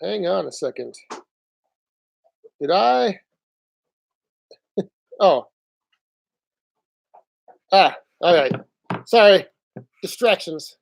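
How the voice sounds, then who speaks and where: A man hosting a casual live stream from home on his phone, rambling along in a relaxed way and reading out viewer chat. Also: sits high, extremely slow, vocal fry, long pauses. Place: indoors at home.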